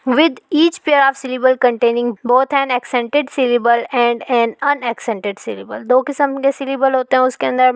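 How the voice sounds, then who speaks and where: Woman literature teacher, higher voice, smooth clear tone, dry close sound. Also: no echo. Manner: reads English passages slowly, then explains them, with frequent "ठीक है". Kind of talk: explaining a lecture in Hindi with English terms.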